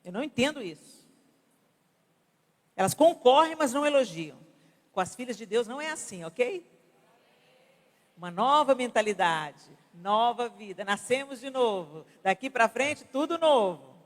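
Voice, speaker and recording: A Brazilian woman pastor in her fifties, preaching at a women's conference in an animated, conversational way with acted-out examples. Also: fairly high pitch, moderate pace. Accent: Brazilian Portuguese. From Brazil (Belo Horizonte). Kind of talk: conference sermon. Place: large church conference hall. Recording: reverberant church hall.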